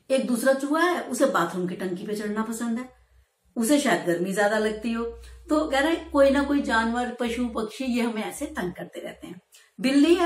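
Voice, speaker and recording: A woman teacher explaining a story chapter to students, retelling it in a storytelling manner and playfully acting out the quoted lines. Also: fairly high pitch. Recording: echoey room.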